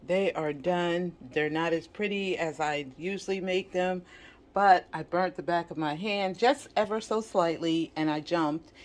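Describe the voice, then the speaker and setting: A woman's voice: fairly low pitch, a little slow. A woman vlogger casually narrating her home cooking in a kitchen, talking to her viewers. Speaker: vlog host. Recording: faint kitchen room noise. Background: faint kitchen background noise.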